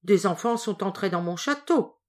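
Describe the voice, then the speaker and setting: A woman voicing a cruel, greedy male ogre in a storybook reading, speaking slowly and heavily. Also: medium pitch, animated, lightly acted. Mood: menacing.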